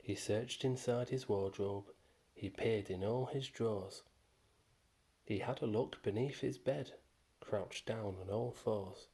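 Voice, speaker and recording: Slow, husky-voiced male storyteller. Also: on the low side. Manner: slow, gentle, rhythmic reading. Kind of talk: reading a rhyming picture book aloud.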